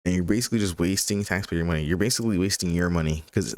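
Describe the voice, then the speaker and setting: A man's voice: deep voice, racing, darkish tone, no echo. A man giving rambling, casual reaction commentary on a video, swearing freely.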